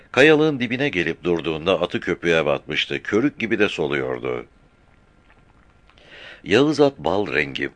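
Brief: deep-voiced male audiobook narrator, very lively delivery, dry close recording. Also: no room sound. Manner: reads every character's dialogue himself, raising his voice for shouts. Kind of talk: scripted narration of a novel.

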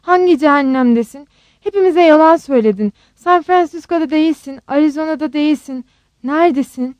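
A woman voicing a panicked middle-aged mother who sobs and scolds in a shrill voice. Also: animated, normal speed, no echo. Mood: shouting.

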